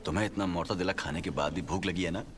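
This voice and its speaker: A man's voice: low voice, fast, music in the background, natural voice. A man dubbing a friendly, coaxing father figure in a film. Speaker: father figure welcoming a child. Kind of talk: Hindi film dub. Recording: crowd noise behind.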